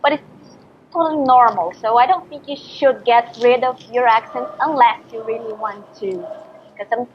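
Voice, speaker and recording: Brazilian woman explaining pronunciation, slightly higher voice. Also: moderate pace, highs cut off, slight background noise. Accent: Brazilian Portuguese. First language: Portuguese. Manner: explanatory, gives examples. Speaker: interviewee, English teacher. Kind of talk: casual interview.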